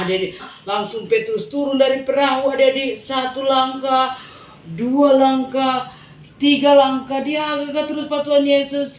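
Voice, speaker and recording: Animated Manado Malay woman teacher. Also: sits high, slight background noise. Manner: animated, asks the children questions. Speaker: Sunday school teacher. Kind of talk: Bible storytelling for children. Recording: echoey room.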